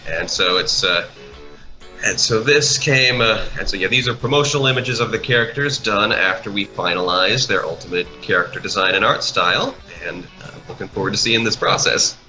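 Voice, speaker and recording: Over background music, a man with a lowish, animated, bright and forceful voice gives loose, unscripted commentary at a moderate pace. He created an animation project and is co-hosting a speedpaint commentary, often trailing off and rephrasing mid-thought. The audio quality is poor.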